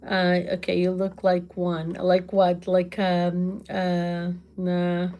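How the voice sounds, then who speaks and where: Portuguese woman, middle-aged, hosts a casual phone livestream from her kitchen, loud and laughing, takes her time. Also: fairly low pitch, completely flat delivery, slow, a little hiss or hum. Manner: loud, laughs often, exclaims. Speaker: livestream host. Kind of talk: casual livestream chat answering comments. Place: home kitchen.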